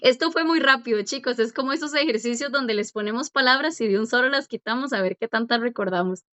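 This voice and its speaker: Encouraging woman teacher, slightly high voice. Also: fast talker, fairly bright tone, dry recording. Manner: patient, encouraging, quizzes students and praises answers. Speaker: Korean language teacher. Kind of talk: teaching a class. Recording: dull lo-fi dry audio.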